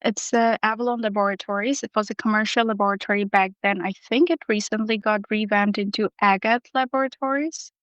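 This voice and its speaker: A woman's voice: medium pitch, fairly even intonation, brisk, few pauses, no echo, dull audio. A young woman from Bangladesh, a guest in an interview, speaking thoughtfully with frequent ums and uhs. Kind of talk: casual interview.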